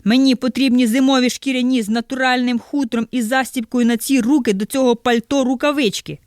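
A woman's voice: mid-range voice, normal speed, darkish tone, dry recording, studio quality, natural voice. A woman voicing a male customer who grows more and more irritated, speaking insistently. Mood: exasperated. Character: exasperated male customer losing patience.

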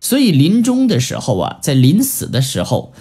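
Animated, husky-voiced male lecturer. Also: on the high side, normal speed, faint music behind. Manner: animated storytelling with acted-out quotes. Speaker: Buddhist teacher. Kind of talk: recorded Buddhist scripture lecture.

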